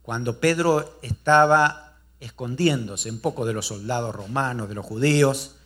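In a mid-range voice, a man preaching a sermon narrates a story with lively energy. As pastor, he addresses rhetorical questions to the congregation.

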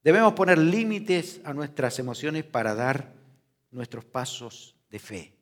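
A male pastor preaching a sermon in a church, swinging from soft, quiet passages to loud, emphatic lines and asking the congregation questions. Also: a little high, sing-song, unhurried. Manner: asks the congregation rhetorical questions.

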